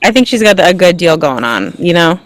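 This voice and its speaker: A woman's voice: on the low side, big pitch swings, brisk, no echo, low-quality recording. A woman hosting a casual chat, laid-back and slangy. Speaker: host.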